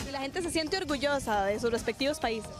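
A woman reporter asks her questions quickly and brightly, her voice high. Music plays behind the field interview. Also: lively intonation.

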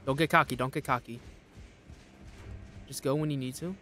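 A man's voice: steady tone, normal speed, bright, forceful tone, faint music behind. A young man streaming a game, chatting casually and nervously while he plays, often laughing. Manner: jittery, laughing, mimics enemies in high voices. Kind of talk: casual gameplay commentary.

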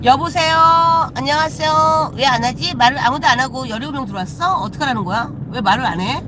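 A woman's voice: sits high, a little fast, noisy background. A woman shaman hosting a casual live stream, chatting with viewers, greeting them and swearing casually. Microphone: phone.

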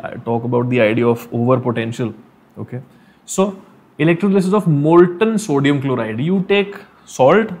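A young man with a fairly high, darkish voice and a North Indian accent teaches a live exam revision lesson online from a small furnished room at home. He explains things step by step in an informal way, often asks questions, and switches between English and Hindi.

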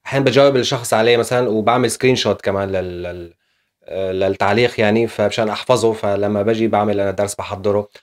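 Brief: male language teacher, low voice, talks very fast, chatty step-by-step explainer. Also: fairly even intonation. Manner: explains step by step with frequent fillers. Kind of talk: casual video lesson.

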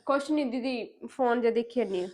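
A young woman playing a lazy, sharp-tongued young wife who bickers and defies her family in a village family drama. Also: on the high side, brisk, lightly acted. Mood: defiant. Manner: defiant, bickering.

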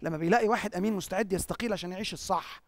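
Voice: medium pitch, racing, no echo. A church teacher with an Egyptian accent, answering questions in a preaching style and asking rhetorical questions that the speaker answers at once. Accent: Egyptian Arabic.

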